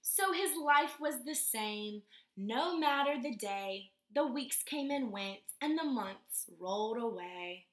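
A young woman doing YMCA storytime reads a picture book aloud to children indoors, in a room of a house, pausing between pages to ask them questions. Her voice is fairly high and slow, animated in manner, with a reverberant sound.

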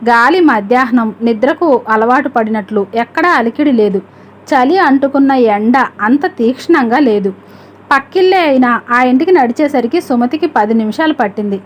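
A woman narrating an audiobook story in a steady, measured reading voice. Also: fairly high pitch.

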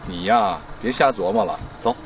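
A man's voice: on the low side, moderate pace, background noise, lightly acted. A man playing a patient father explaining sights to his young daughter in a teaching drama.

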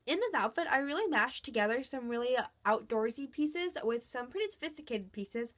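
The speaker is a young woman with a cold, a doll collector vlogger, walking viewers through her dolls' outfits in a chatty, upbeat scripted voice-over. Her voice is a little high, fairly quick, with lively intonation.

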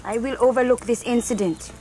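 An actress playing a stern young park officer, firm and commanding. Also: female voice, on the high side, steady tone, a little fast, warm tone, natural voice.

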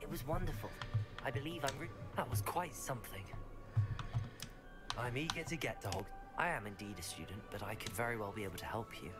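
A man voicing a polite young wizard student in game voice previews, pitch-shifted so it sounds robotic. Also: a little fast, over music. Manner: polite, formal. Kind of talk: video game character voice preview.

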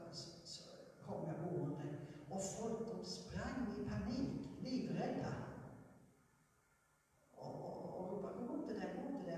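Lively male pastor preaching in echoey hall. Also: sits high, far from the mic, slight background noise. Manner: lively storytelling, builds to fervent proclamation. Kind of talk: sermon.

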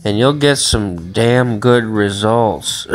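This Chicago-area vlogger speaks extremely slowly in a fairly low, expressive, somewhat bright voice. He rambles and swears freely in a casual home vlog, with the phone held in his hand in a small room.

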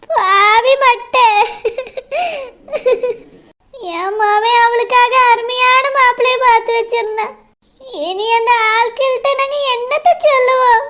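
A woman's voice: very high voice, steady tone, unhurried, pushed and bright, exaggerated voice. A woman playing a wailing village mother. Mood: wailing lament. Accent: Kanyakumari Tamil. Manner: sing-song wailing lament. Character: older village mother wailing over a runaway daughter. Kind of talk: village comedy-drama acting.

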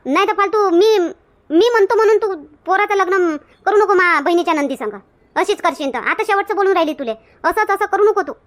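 A woman's voice: extremely high pitch, a little fast, fairly bright tone. A woman playing fiery village woman Shantabai. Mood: scolding. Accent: Varhadi Marathi. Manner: scolding, blunt, lecturing. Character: outspoken village woman Shantabai, quick to flare up. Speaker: comic actor. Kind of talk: village comedy skit.

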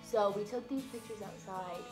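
A woman's voice: medium pitch, moderate pace. A young woman chatting casually in a vlog while doing her makeup, rambling and filling her speech with "like". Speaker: vlogger and stage actress. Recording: music playing under the voice.

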